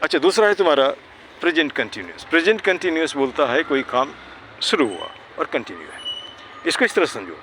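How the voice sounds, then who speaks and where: A man's voice: on the high side, sing-song, fairly quick, noisy background. A man teaching English grammar to children in Hindi, patiently checking that they understand. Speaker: English tutor. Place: outdoors near traffic.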